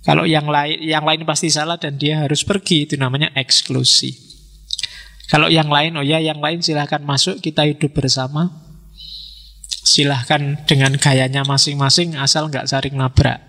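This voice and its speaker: A man with a lilt lectures on philosophy in an easy, talky way, often turning questions back on his audience. His voice sits a little high for a man. A long hall reverb trails behind each phrase. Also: moderate pace, gravelly. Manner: relaxed, conversational, poses questions to listeners.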